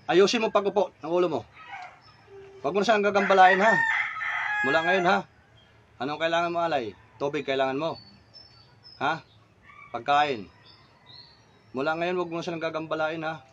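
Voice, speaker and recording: A man's voice: a little high, normal speed, pauses often, a bit bright, dull audio, slight background noise. A middle-aged man, a folk healer, commanding a spirit during a healing ritual and sharply demanding answers over and over.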